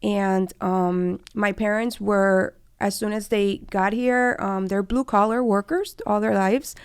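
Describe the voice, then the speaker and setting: Taking it slowly with fairly even intonation, a Cuban-born woman in her forties who moved to the US as a child shares her personal story as a guest. She works as an immigration lawyer and law firm partner. Her medium-pitched voice is clean, and the studio recording has no echo.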